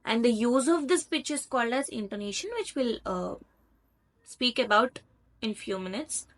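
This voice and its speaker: Indian woman tutoring patiently, higher voice. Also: lively intonation, normal speed. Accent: Indian English. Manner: patient, explains step by step with examples. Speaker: online tutor. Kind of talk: explanatory lecture over slides.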